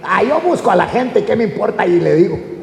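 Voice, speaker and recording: A man's voice: high-pitched, big pitch swings, a little fast, vocal fry. A man preaching a folksy, conversational sermon, talking to the congregation as brother. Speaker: pastor. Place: church. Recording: echoey church hall, faint ambience.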